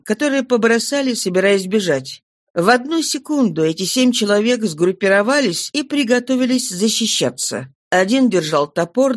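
Steady audiobook narrator, dry close sound. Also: mid-range voice, no room sound. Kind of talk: audiobook reading of a classic novel.

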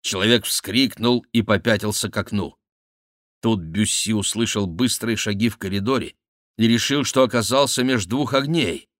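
A man narrating an adventure novel as an audiobook, steady and measured. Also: lowish voice, dry recording, studio quality.

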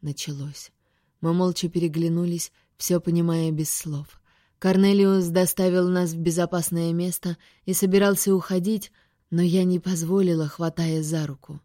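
A woman reading a first-person science-fiction audiobook with steady, expressive narration. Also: on the low side, moderate pace, dry recording, clean studio sound. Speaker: audiobook reader.

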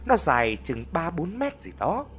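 A man voicing a frightened middle-aged village husband recounting a scare, slow and breathless, in an audio story. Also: a little high, wildly swooping pitch, a bit bright, soft background music, pitched above the performer's own voice. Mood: shaken.

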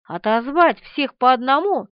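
A woman's voice: high voice, animated, unhurried, no echo. Woman playing an eager blurting lieutenant. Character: eager police lieutenant, quick with ideas. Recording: dull lo-fi audiobook recording.

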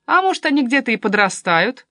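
A woman's voice: a little high, big pitch swings, bright, forceful tone, no room sound, pitched above the performer's own voice, full character voice. A woman reading a story, voicing a cheeky, mocking teenage daughter. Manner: quick, teasing, pert.

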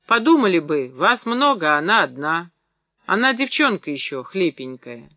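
A man reading the lines of a gruff, stout middle-aged woman who cleans a small clinic and scolds patients bluntly. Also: high voice, very animated, moderate pace, pushed and bright, no room sound, lo-fi sound, heavily acted. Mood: scolding.

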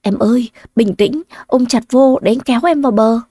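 A woman voicing a calm, reassuring young man swimming to the rescue. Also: a little high, normal speed, dry recording, studio quality, lightly acted.

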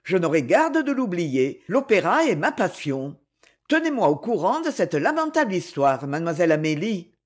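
A haughty young duke, elegant and quick-spoken, as a woman reads him in a storybook, pitched lower than her narration. The tone is slightly husky. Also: very animated. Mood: brisk. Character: proud young male duke, elegant and brisk.

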